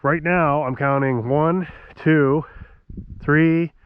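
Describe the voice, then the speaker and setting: Speaking extremely slowly in a fairly high, fairly even voice, this Nova Scotia man hosts a hunting channel and narrates casually to the camera at a tidal marsh. He's congested from a cold and keeps trailing off with "so" and "um." The phone-quality audio is clean, with no room sound.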